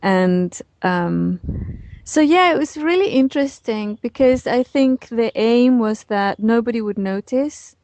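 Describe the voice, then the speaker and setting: A woman's voice: fairly high pitch, animated, measured pace, darkish tone. A woman in her forties from Chile, telling stories in a casual interview, with hesitant, restarting phrasing and easy laughter. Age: 40s. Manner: hesitant, many fillers and restarts, laughs easily. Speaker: interview guest. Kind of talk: casual conversational storytelling.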